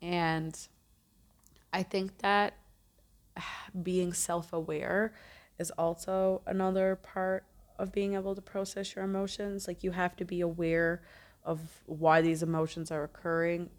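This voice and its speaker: A woman's voice: mid-range voice, level tone, takes it slowly, pauses often. A woman hosting a casual solo podcast, talking in a reflective, earnest way and correcting herself as she goes. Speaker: podcast host.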